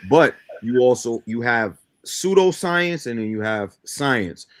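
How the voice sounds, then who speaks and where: A man with a mid-range voice, lively intonation and a measured pace explains his belief system as a talk show guest. Originally from Guyana and raised in Brooklyn, New York, he teaches in a didactic style, regularly adding "right?".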